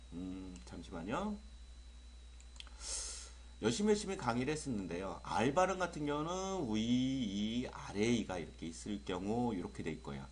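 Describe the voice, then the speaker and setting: A man teaching pronunciation in an online lecture, repeating drill words and asking his students rhetorical questions. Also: medium pitch.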